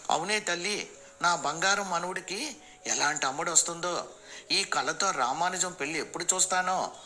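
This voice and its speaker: A man voicing an elderly grandmother who scolds and laments loudly in a storybook. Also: on the high side, normal speed. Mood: lamenting. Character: elderly grandmother, fussy and wailing.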